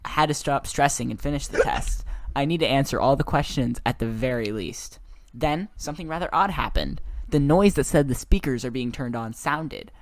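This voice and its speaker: A man's voice: medium pitch, normal speed, few pauses, dry recording. A man reading his own story aloud, often breaking into giggles.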